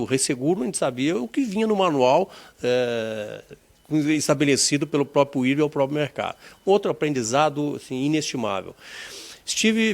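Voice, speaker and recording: A man in his sixties from southern Brazil, speaking Brazilian Portuguese with a Gaúcho accent, looks back on his career as an insurance executive during an interview. His voice sits a little high, and he talks in a measured way, repeating words as he hunts for the right ones.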